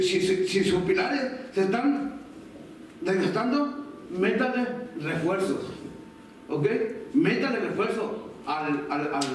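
A man's voice: sits high, a little hiss or hum. A man preaching a sermon as pastor, speaking conversationally and acting out short quoted family exchanges. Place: church sanctuary. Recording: distant mic in echoey church hall.

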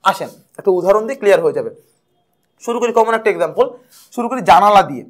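A young man teaching an exam prep lesson, lively and playful, repeating key points. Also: sits high, rapid-fire.

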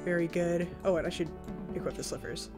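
A woman streamer giving casual, chatty commentary while she plays a game, reacting with quick exclamations. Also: on the low side, steady tone, music in the background.

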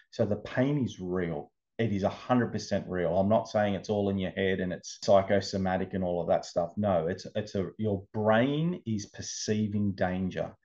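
A man, an interview guest, telling his recovery story in casual, animated talk, over a video call. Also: on the low side, muffled recording. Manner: animated storyteller, acts out quoted voices.

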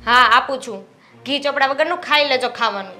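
Brief: young wife, quick and bright-voiced, full of grievances, for a film drama. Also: female voice, high voice. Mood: complaining. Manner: fast, complaining. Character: complaining young wife venting about her mother-in-law.

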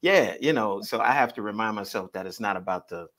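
A man who is a musician, a guest on an interview show, talking in a relaxed and friendly way. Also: lowish voice, a little fast. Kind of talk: casual interview chat.

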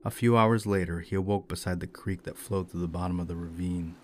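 Deep-voiced male folklore storyteller. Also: steady tone, brisk, darkish tone, slight background noise. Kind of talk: scripted folklore narration.

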